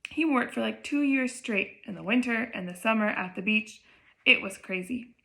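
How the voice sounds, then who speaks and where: A woman's voice: on the high side, normal speed, gravelly, bright, forceful tone, low-quality recording. A woman reading as a blunt teenage girl. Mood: fond. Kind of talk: reading a novel aloud.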